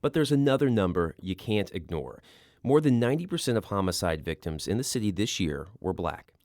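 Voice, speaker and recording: A man co-hosting a public radio podcast, delivering scripted narration calmly and evenly. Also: lowish voice, fairly quick, dry recording. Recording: studio with faint guitar music bed.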